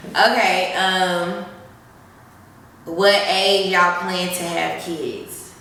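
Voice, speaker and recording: Woman, 20s, casual chat, bright voice, roomy distant sound. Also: lowish voice, steady tone, extremely slow, creaky, slight background noise. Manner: chatty, giggly, says y'all. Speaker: co-host answering follower questions. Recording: echoey room, mic at a distance.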